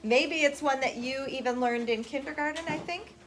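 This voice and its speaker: Brisk high-voiced schoolteacher. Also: female voice, background noise. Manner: brisk, reads poetry slowly with a lilt. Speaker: teacher. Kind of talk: classroom phonics lesson. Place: classroom.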